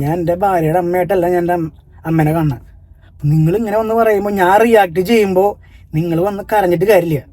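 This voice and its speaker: A man's voice: high voice, warm tone, dry recording. A Malayali man telling a family story to his viewers, earnest at times and heated when he scolds commenters. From Kerala, India. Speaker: family vlogger. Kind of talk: casual vlog talk to viewers.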